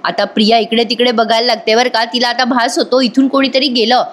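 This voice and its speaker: A woman's voice: fairly high pitch, level tone, fairly quick. A woman giving a casual voice-over review of a TV episode, chatty and often telling listeners to look. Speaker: serial review narrator. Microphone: voice-over recorded separately.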